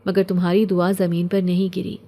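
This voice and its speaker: A woman voicing an ancient, gentle male jinn who speaks in a calm, poetic, consoling way. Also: lowish voice, close to an everyday voice. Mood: calm, tender.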